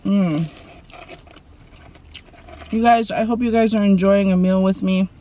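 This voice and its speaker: A woman vlogger from the Portland area chatting casually while eating, with soft mumbled asides over her food. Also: mid-range voice, fairly even intonation, unhurried, highs cut off. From Portland, Oregon area. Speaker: mukbang vlogger. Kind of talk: casual eating-show chat.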